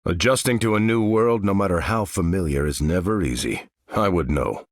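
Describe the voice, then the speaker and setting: An actor with an American accent playing a noble, steadfast veteran super-soldier in a video game, speaking with earnest, measured authority. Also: male voice, low voice, no echo, studio quality, close to an everyday voice. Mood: resolute. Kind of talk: video game character voice lines.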